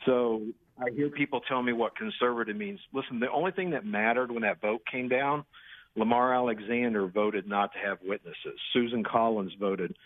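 A man's voice: mid-range voice, normal speed. A man in his sixties calling in to a talk radio show on a crackly phone line that fades in and out. He rambles and talks insistently, with many restarts. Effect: caller on a crackly phone line that fades in and out. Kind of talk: political call-in talk. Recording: tinny phone line, breaking up.

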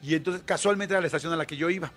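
A man with a Mexican Spanish accent tells a story as a radio guest, animated and colloquial, full of fillers. His voice sits a bit high for a man, with soft music faintly behind him. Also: racing.

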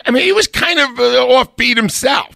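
A man's voice: very high voice, fairly quick, no room sound, studio quality. A man hosting on the radio, talking emphatically in an on-air tribute. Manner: animated, emphatic. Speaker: radio host.

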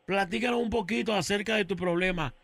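A man's voice: high-pitched, quick pace, creaky, fairly bright tone, no room sound, exaggerated voice. A man playing a grandiose male faith healer in a comedy radio sketch, calling everyone brother and sister and chanting incantations. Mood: soothing.

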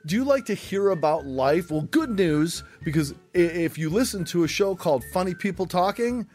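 A man's voice: expressive, normal speed, a little mellow, faint music behind. A man doing a playful, comedic promo for a podcast. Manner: playful, upbeat pitch.

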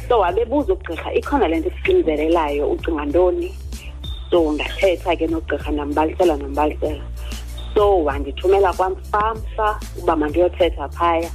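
A woman's voice: lowish voice, darkish tone, low-quality recording. A South African woman telling a personal story in plain conversation on a radio programme. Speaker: caller sharing personal story.

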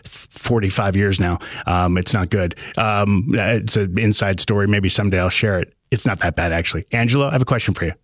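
A man's voice: lowish voice, brisk, hardly any pauses, dry recording. A middle-aged man hosting a casual radio call-in show from a studio, rambling and hesitant as he chats. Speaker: radio talk show host. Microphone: close studio microphone.

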